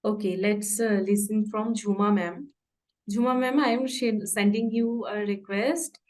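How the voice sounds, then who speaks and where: A woman moderates a teacher-training video call. Her voice has a middle pitch, and she politely invites each teacher to speak. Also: steady tone, measured pace, a little mellow. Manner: polite, calls on teachers by name. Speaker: session moderator.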